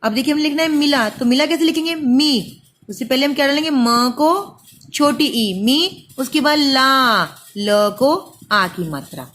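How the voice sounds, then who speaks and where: High-voiced woman teaching small children. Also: lively intonation, moderate pace, fairly bright tone, a little hiss or hum. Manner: patient, stretches out sounds syllable by syllable, calls listener "beta". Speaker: primary school teacher. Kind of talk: slow spelling-out lesson for young children.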